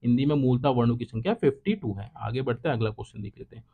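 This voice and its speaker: A young man teaching exam prep, working through quiz questions one by one and repeating each answer, his voice trailing low at the end of each. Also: very fast, slightly rough, phone-quality sound. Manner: repetitive, drops to a low trailing voice at each close. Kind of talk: solving quiz questions aloud.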